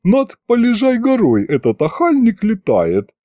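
A man voicing a brisk, sly old village witch woman who talks in a folksy, scolding, teasing way, in a storybook reading. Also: high voice, wildly swooping pitch, mellow, no echo, studio quality, voice pushed up, heavily acted. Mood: surprised.

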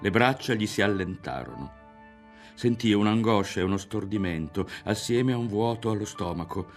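Deep-voiced man narrating a novel. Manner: measured, expressive, dropping to hushed tones. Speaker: audiobook reader. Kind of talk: literary audiobook narration. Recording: faint music underneath.

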